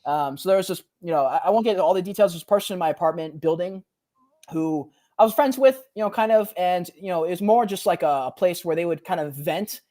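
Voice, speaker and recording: A young man talks as a podcast guest, in a loose, slangy storytelling way. He acts out the other people in his story, and his pitch swings a lot as he does. He speaks in casual conversation rather than from a script. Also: fast. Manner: animated, slangy, says "bro" often, acts out quotes.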